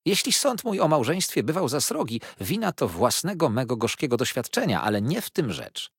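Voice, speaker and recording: A stern but kindly old aunt, voiced by a male reader, measured and gently firm as she counsels her nephew. The voice is husky with a dry, close sound, and its pitch moves a lot, as in a read-aloud storybook. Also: big pitch swings, no echo, heavily acted. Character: older aunt, stern yet kindly, eccentric. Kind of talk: audiobook character voice.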